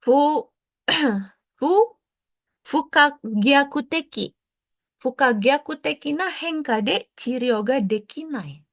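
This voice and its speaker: Slow, gravelly-voiced woman tutor. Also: high voice, expressive, no echo, clean studio sound. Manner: explains step by step, drops in foreign technical terms and glosses them; frequent tag questions and soft checking fillers. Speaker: exam prep tutor. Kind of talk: explanatory online lesson.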